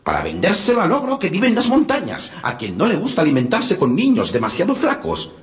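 A man's voice: high voice, huge pitch swings, fairly quick, voice pushed up. A man putting on a cackling wicked witch. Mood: gloating. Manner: cackling, scolding, nearly shrieking at times. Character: cackling wicked old witch, greedy and cruel. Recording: dull lo-fi, loud background noise.

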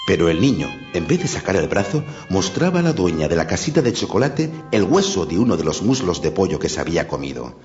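A man narrating a children's fairy tale in a steady, expressive reading. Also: low-pitched, a little fast, few pauses, soft background music. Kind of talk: storybook narration. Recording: dull lo-fi, loud background noise.

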